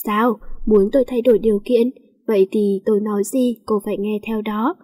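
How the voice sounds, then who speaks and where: A woman's voice: mid-range voice, steady tone, fairly quick, warm tone, husky, long reverb tail, lightly acted. A woman voicing a cold, bossy male student who gives stern commands in a storybook reading.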